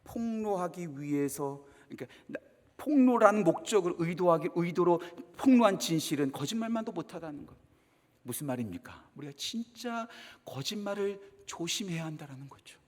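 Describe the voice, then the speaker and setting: Animated preaching pastor, high-pitched man. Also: normal speed, long reverb tail. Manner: animated preaching with rhetorical questions. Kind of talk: sermon. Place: church sanctuary.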